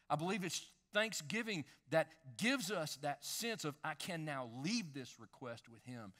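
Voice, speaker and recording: On a large, dark church stage, a pastor in his fifties delivers an animated sermon in a somewhat high voice, swinging from loud emphasis to hushed lines.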